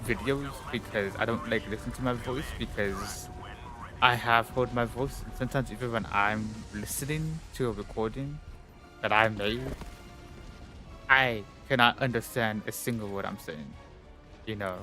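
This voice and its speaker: A man's voice: mid-range voice, moderate pace, sharp tone. Rambling streamer guy, faint music behind. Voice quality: sounds a bit stuffy-nosed. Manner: rambling, filler-heavy, full of "like" and "you know". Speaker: live streamer. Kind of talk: casual chat while gaming on stream.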